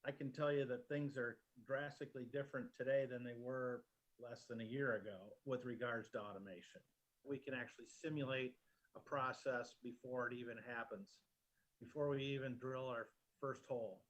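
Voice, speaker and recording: A man's voice: mid-range voice, steady tone, normal speed, low-quality recording. Matter-of-fact man running a family firm. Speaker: company owner. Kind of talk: testimony in a video.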